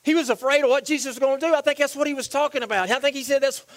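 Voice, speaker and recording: Man, very high voice, preaching a sermon, questions to the congregation. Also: fairly even intonation, very fast. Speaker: pastor.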